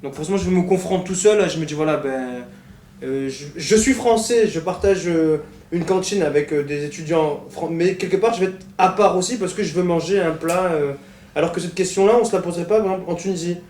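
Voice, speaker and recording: A man in his twenties speaking in a casual group discussion, quick and animated, with many fillers. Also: on the high side. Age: 20s. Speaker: discussion participant. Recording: echoey room with faint noise.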